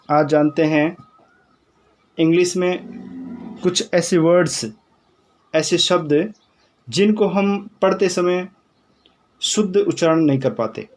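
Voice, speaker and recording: A man gives an English pronunciation lesson in Hindi at an unhurried, deliberate pace. His voice sits a little high for a man. He spells words letter by letter and repeats them patiently, calling his viewers friends. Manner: addresses viewers as friends, explanatory. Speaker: English teacher.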